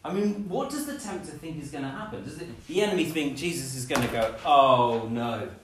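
A man preaching a lively sermon, acting out scenes with playful voices. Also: on the high side, quick pace, slight background noise. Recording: echoey room, from a distance.

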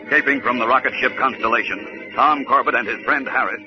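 A man's voice: medium pitch, brisk, over music. A man delivering dramatic scripted narration for an old-time radio adventure serial. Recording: dull old radio recording.

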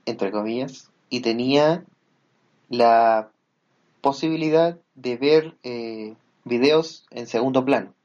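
A man's voice: mid-range voice, slow, darkish tone, lo-fi sound. A man in a casual chat, talking hesitantly with many fillers as he explains things.

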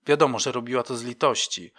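A man reading fiction aloud as an audiobook narrator in an even, measured way. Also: medium pitch.

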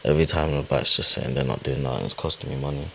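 A young man with a London roadman accent talks in a deep, gravelly voice. His hosting is casual, slangy podcast chat, recorded with slight background noise. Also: very fast, pushed and bright. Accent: London, urban street (roadman). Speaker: podcast host.

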